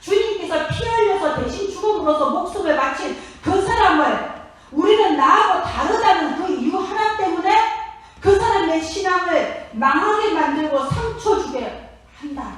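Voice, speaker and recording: A woman pastor delivers a sermon in a high, bright-pitched voice. She tells stories with lively emphasis and keeps putting questions to the congregation. The sound comes from a distance and rings through a very echoey church sanctuary. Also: moderate pace. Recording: echoey church hall, from far off.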